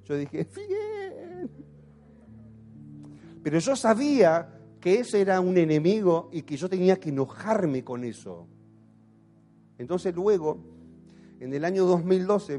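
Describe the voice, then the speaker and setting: A man's voice: fairly high pitch, lively intonation, normal speed, mellow, soft background music. A pastor in his thirties with an Argentine accent, preaching a passionate sermon and asking the congregation questions. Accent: Argentine Spanish. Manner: impassioned, asks the congregation questions.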